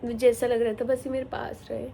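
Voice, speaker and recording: A woman's voice: on the high side, level tone, fairly quick, creaky, noisy background. Candid young new mother vlogging. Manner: emotional, candid, mixes English into her talk. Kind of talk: casual vlog talk to camera.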